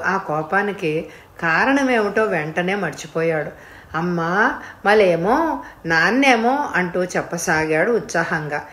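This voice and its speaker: A woman narrating a serialized novel in a calm, even storytelling voice. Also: fairly low pitch. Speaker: audiobook reader.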